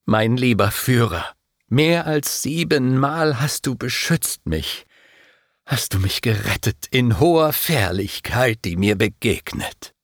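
A man narrating an epic poem in a declamatory, expressive reading. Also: mid-range voice, slow, no room sound, studio quality.

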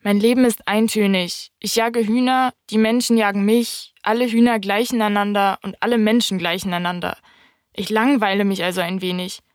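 A woman voicing a wise, wistful fox in an audiobook reading, speaking in a calm, thoughtful, explaining way. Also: medium pitch, normal speed, no echo, studio quality, lightly acted.

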